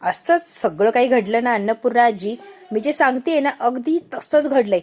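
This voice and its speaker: A sharp-tongued young woman lays out a hidden scheme with pointed, accusing questions, as a woman voices her in a retold serial. The voice sits a little high. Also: normal speed, lightly acted.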